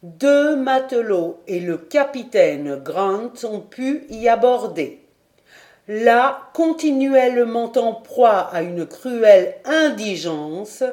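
Picture an excitable, learned male geographer from an old adventure novel, pressing his theory with eager emphasis, as a woman reading the audiobook puts him on. The voice is mellow and unhurried, pitched a little raised when he gets carried away.

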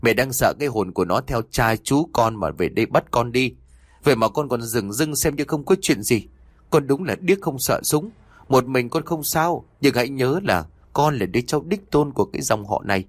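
Brief: man playing a trembling, pleading older mother, lively pitch, audio story. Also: normal speed, dry recording, clean studio sound, close to an everyday voice. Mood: fearful. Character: fearful older mother, head of household.

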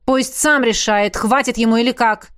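A woman's voice: fairly high pitch, fairly even intonation, moderate pace, a bit bright, clear, resonant tone, lightly acted. A woman voicing a cold, contemptuous male necromancer in the middle of a brawl.

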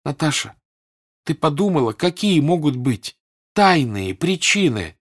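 A man's voice: a little high, sing-song, unhurried, voice pushed up. A man reading an audiobook and voicing an earnest young woman who presses with worried questions.

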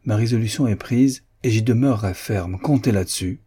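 A man's voice: fairly low pitch, fairly quick, dark tone, husky. A man reading a proud young woman's lines in a period novel, speaking firmly and coolly, with dignity. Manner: firm, cool, dignified.

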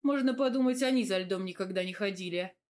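A woman voicing a young husband who talks in a low, gruff, playful way to his wife. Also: fairly quick, darkish tone, lightly acted. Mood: teasing. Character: teasing, adoring young husband.

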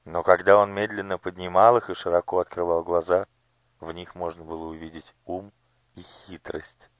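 A man reading a children's storybook aloud in a calm, measured way. His voice sits low, and the recording is dry and close, with no room sound. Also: dry recording. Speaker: audiobook narrator. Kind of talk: scripted storybook narration.

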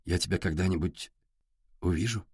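A man voicing a quiet, emotional young man in an audiobook, speaking low and almost in a whisper. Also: slightly rough, no room sound, studio quality. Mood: tender. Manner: quiet, near-whispered, halting. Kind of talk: audiobook character reading.

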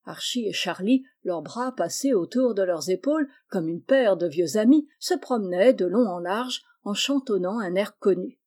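A woman reading a classic children's novel aloud, narrating calmly and lifting her voice for the children's lines. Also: mid-range voice, normal speed, hardly any pauses. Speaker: audiobook reader. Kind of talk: storybook narration.

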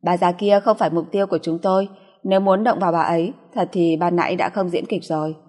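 A teasing, mocking female assassin in an audiobook, read by a woman, quick and playful with menace. The voice is low, dark and breathy. A long reverb rings after her. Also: fairly even intonation, lightly acted. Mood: taunting. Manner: taunting, teasing.

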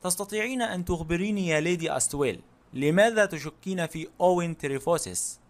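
A man's voice: sits high, expressive, fast. A man reading the lines of a proud, grave little male detective in an audiobook, in a dry, self-assured manner.

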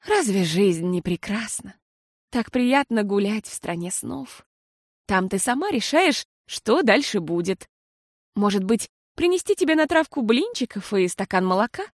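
A woman voicing a patient, tired mother who talks slowly and soothingly. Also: mid-range voice, sing-song, dry recording, studio quality. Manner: slow and soothing.

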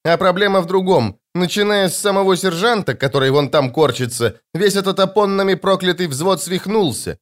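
A bossy, foul-mouthed female soldier who barks orders and scolds everyone around her, as a male reader puts her on. The voice sits high and swings about sharply. Storybook reading. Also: expressive, a little fast, few pauses. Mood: scolding. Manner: barking, scolding. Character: gruff tough female corporal, bossy.

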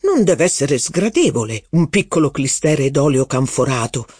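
A man's voice: mid-range voice, sing-song, darkish tone, slightly rough, dry recording, studio quality. A man reading the lines of a blustering, self-centered aristocratic duke in an audiobook. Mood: cheerful. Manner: blustering, quick to temper.

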